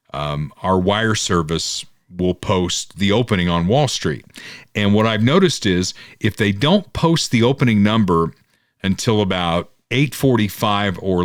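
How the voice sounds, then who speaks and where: A man, hosting a political podcast and talking in a casual, animated way. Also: on the low side, no room sound, studio quality. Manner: animated, mocking quoted critics. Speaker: podcast host.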